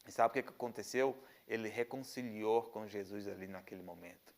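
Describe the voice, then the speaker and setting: A man's voice: on the low side, brisk, vocal fry. A man with a Brazilian accent telling an earnest religious testimony, often repeating phrases and restarting his sentences. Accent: Brazilian Portuguese. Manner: frequent restarts and stumbles. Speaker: testimony speaker.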